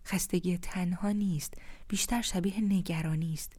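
A woman reading as a pensive quiet father. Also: fairly low pitch, steady tone, lightly acted. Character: thoughtful middle-aged father.

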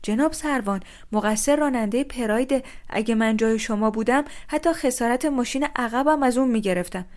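A woman's voice: on the high side, a little mellow, pitched above the performer's own voice, natural voice. A woman voicing a female eyewitness who speaks firmly and decisively in a read-aloud story. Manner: firm and decisive. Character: firm, precise female eyewitness.

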